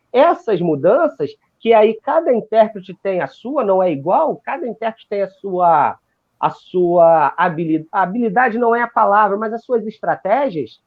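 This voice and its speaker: A man educating deaf students gives an animated, lecturing explanation in a live video call, with frequent restarts. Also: very high-pitched. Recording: tinny phone-like live stream audio.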